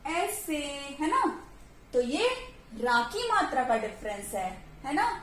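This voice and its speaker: Woman teacher, high voice, slow and patient, echoey room, faint background hum. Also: big pitch swings, fairly bright tone. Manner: patient, asks questions and answers them herself. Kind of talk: children's Hindi lesson.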